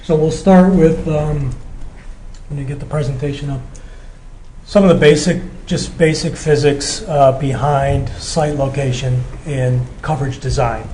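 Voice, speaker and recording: An American man with a mellow, mid-range voice gives an explanatory technical presentation on behalf of his company, checking in with his listeners along the way. The recording has an echoey room and background noise.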